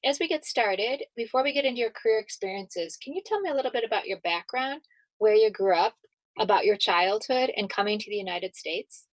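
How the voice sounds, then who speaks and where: A woman hosts an interview podcast with a measured, formal delivery. She reads prepared introductions and asks questions at a medium pitch, recorded close and dry. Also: lively intonation, dry recording, rough recording. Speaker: podcast host.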